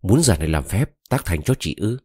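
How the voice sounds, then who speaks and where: A man's voice: deep voice, sing-song, brisk, a little mellow, husky, dry recording, clean studio sound, heavily acted. A man voicing a sly old woman shaman. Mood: coaxing. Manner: cunning, coaxing.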